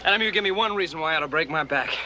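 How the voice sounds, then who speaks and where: An actor playing a grumbling but game younger brother in a western drama, boyish in manner. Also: male voice, on the high side, animated, very fast, background noise, lightly acted. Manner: complaining, boyishly eager once persuaded. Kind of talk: period western television drama acting.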